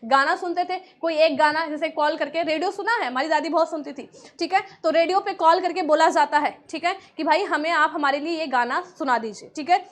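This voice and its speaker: A woman's voice: sits high, brisk, few pauses. A woman teaching a live online science class for exam students, chatty and encouraging, often repeating herself.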